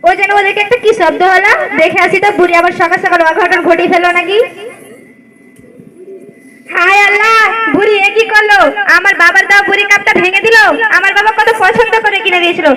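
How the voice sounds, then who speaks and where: A woman's voice: very high-pitched, fairly even intonation, fast, rough recording. A woman playing a cruel young daughter-in-law who scolds harshly and gives orders. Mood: scolding. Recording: loud crowd noise behind.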